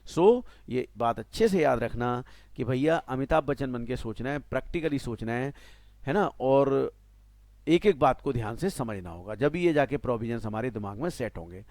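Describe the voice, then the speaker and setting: A man in his forties with an Indian accent, giving a tax lecture to a class, animated and mixing in English terms while checking that students follow. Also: mid-range voice, moderate pace, no echo. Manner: animated, mixes Hindi and English, asks students "clear?". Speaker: tax teacher.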